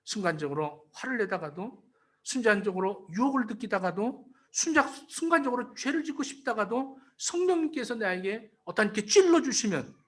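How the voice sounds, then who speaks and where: High, lively-voiced male pastor preaching. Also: moderate pace. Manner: emphatic, repeats key phrases to explain them; calls out to the congregation. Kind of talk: sermon.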